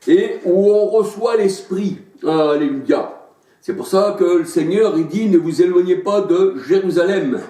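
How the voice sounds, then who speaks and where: A man preaching a sermon, halting as he searches for Bible verses and dropping in frequent hallelujahs. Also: on the high side, mellow. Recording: echoey room, voice far from mic.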